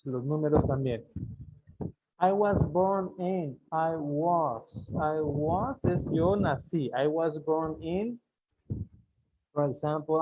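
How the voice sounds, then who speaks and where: A man in his thirties from Guatemala, an English teacher giving a bilingual beginner lesson and repeating phrases slowly for his students. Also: fairly high pitch. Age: 30s. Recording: tinny phone-like audio.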